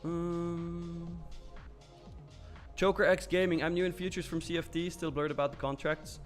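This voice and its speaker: Faint music plays behind a man whose fairly high voice stays level and unhurried. He's a Swiss live trading stream host chatting loosely and candidly as he answers viewer comments, with frequent fillers and the odd curse.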